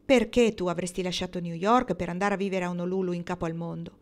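A woman reading the part of a composed, quietly curious woman who runs a gaming table, speaking calmly and probing gently. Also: lowish voice, fast talker, natural voice. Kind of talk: audiobook reading.

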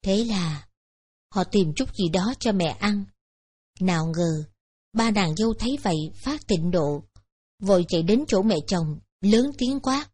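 A woman narrating a moral tale with earnest, steady storytelling. Her pitch sits mid-range for a woman. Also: a little slow, slightly rough.

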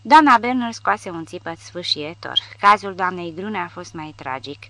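A woman reading a war novel aloud in steady, measured scripted narration. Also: lowish voice, no room sound. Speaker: audiobook narrator.

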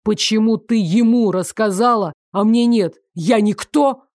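A woman reading the part of a jealous man who shouts accusations and then begs. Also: mid-range voice, expressive, moderate pace, dry recording, clean studio sound, natural voice. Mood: shouting angrily. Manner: loud and accusing, then begging. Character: angry pleading man, jealous ex-lover.

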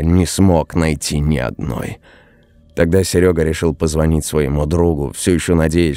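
A man narrating a horror story in a steady storytelling voice. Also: a bass voice, no room sound.

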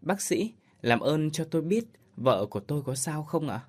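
A man's voice: on the high side, very animated, moderate pace. Storybook part: a man playing an anxious, soothing young dad. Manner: soothing fatherly reassurance. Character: worried young father, protective of his family.

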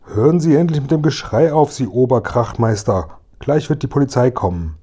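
A man's voice: medium pitch, lively intonation, moderate pace, warm tone, breathy edge, voice pushed up. Man doing cheeky, teasing Kasperl. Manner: teasing and mocking. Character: cheeky puppet boy hero, quick-witted.

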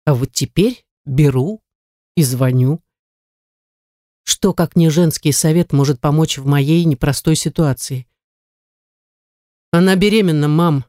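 An audiobook reader telling a first-person story in a measured, wry way, into a close mic. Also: mid-range voice, mellow, no room sound.

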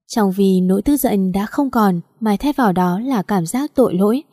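A woman reading a storybook aloud in steady scripted narration. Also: medium pitch, normal speed, no room sound, clean studio sound.

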